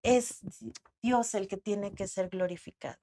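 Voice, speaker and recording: A woman preaching a sermon with a Mexican Spanish accent, slow and dramatic, acting out the voices she quotes. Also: mid-range voice, mellow.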